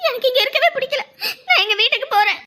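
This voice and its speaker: A woman's voice: extremely high pitch, fast, heavy background noise. Woman voicing an upset young cartoon daughter-in-law. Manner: upset, protesting.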